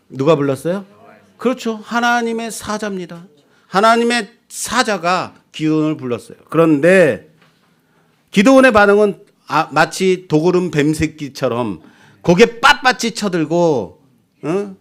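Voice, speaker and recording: Male pastor mid-sermon in a church, fairly high voice, jumps all over the place, jokey storytelling. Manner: lively, animated preaching with acted-out quotes and humor. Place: church sanctuary.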